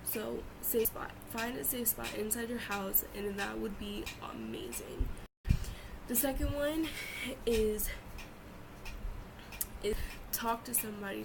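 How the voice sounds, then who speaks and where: A young woman chatting informally and haltingly in a confessional vlog, repeating words for emphasis. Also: mid-range voice, gravelly. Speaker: vlogger. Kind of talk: casual confessional vlog chat. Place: bedroom at home. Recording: loud fan noise in room. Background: two loud fans running.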